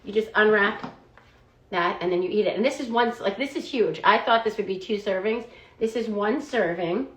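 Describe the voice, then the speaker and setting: A woman talks through a casual product review vlog at a middling pitch, chatty and loose, leaning on "like" and "um" as she goes. Her voice carries a noticeable roomy echo. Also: normal speed, a bit bright. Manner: chatty, fillers of "like" and "um".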